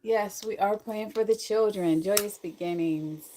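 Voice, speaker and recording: A woman's voice: mid-range voice, unhurried, a little hiss or hum. Woman hosting a chatty livestream. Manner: warm, chatty, greets viewers by name. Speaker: livestream host and sound bath guide. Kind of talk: casual livestream chat greeting viewers.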